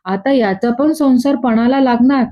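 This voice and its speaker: A woman voicing a weary elderly grandfather who pleads slowly with his grandson, in a plain reading voice. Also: sits high, dark tone. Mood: weary pleading. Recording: dull lo-fi.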